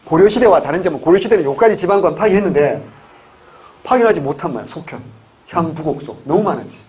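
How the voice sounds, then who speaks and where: A man's voice: fairly high pitch, lively intonation, fast talker, darkish tone. A man from the Gyeongsang region teaching an exam-prep history lecture, constantly asking questions and answering them himself. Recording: dull lo-fi recording, faint hiss.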